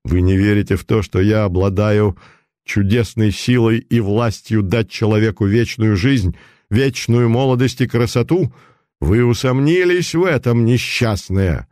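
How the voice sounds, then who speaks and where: Imperious occult charlatan voiced by a man, commanding, mocking, dark low voice, storybook. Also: a little slow, dry recording, clean studio sound, close to an everyday voice. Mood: thundering. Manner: commanding, mocking, at times thundering.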